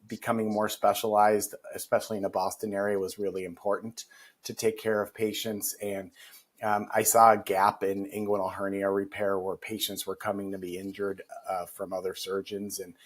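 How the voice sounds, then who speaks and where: A man from Israel, a surgeon, telling his story in an earnest, steady way with fillers. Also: low-pitched. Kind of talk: interview answers.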